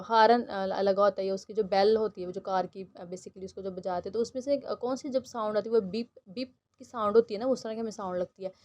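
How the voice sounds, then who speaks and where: A woman teaching a textbook lesson. She reads each English line slowly, then explains it at length with many fillers. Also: medium pitch, a little mellow. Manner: frequent fillers and restarts while explaining.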